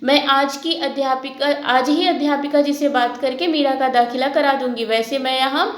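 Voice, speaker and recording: A woman's voice: sits high, steady tone, moderate pace, lightly acted. A woman voicing a kind but firm village doctor who urges schooling for a girl. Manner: reassuring, lecturing. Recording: echoey room.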